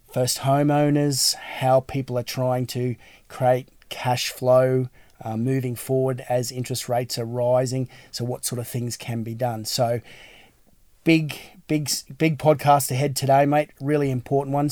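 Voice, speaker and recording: An Australian man hosts a casual podcast in a blokey, matey manner. His pitch is middling and his wording plain. The sound is dry, with very little room on it. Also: darkish tone, no echo. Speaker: podcast host, real estate agency owner.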